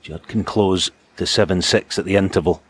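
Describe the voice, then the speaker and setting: A man giving hushed, measured snooker commentary as a match commentator. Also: low voice, steady tone, slight background noise.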